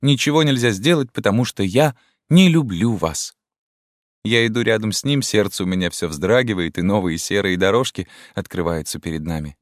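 A man reading an audiobook voices a sad young woman telling a dream, in a soft, wistful manner. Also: on the low side, normal speed, dry recording, clean studio sound, pitched above the performer's own voice, close to an everyday voice. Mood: dreamy, wistful.

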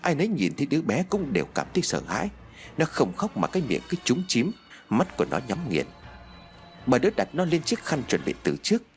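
A man narrating a horror audiobook in an expressive, dramatic storytelling manner. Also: mid-range voice, fairly quick, faint music behind.

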